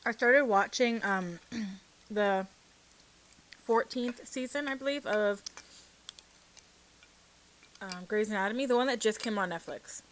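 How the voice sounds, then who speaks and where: A woman's voice: medium pitch, takes it slowly, pauses often, a bit bright, slight background noise, low-quality recording. A woman hosting an eating show, chatting informally to viewers between mouthfuls. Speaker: mukbang host. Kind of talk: casual chat to viewers while eating.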